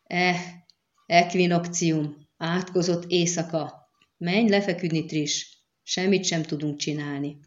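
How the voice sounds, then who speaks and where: A woman voicing a weary older high priestess who speaks tiredly but firmly, in an audiobook reading. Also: steady tone, muffled recording, close to an everyday voice.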